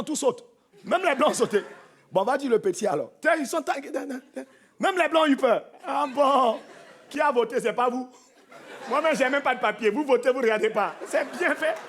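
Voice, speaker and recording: A man's voice: very high voice, expressive, moderate pace, fairly bright tone. A man with a Cameroonian French accent doing live stand-up on a theatre stage, teasing and punchy, talking straight to the crowd. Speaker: stand-up comedian.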